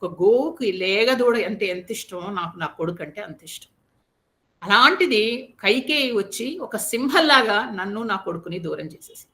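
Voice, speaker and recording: A woman's voice: medium pitch, lively intonation, normal speed, pushed and bright. A woman storyteller voicing a grieving queen mother who laments and reproaches her husband.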